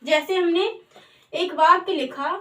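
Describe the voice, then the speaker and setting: A woman's voice: very high voice, slow, pushed and bright. A woman teaching a grammar lesson in a patient way, asking the class questions and answering them herself.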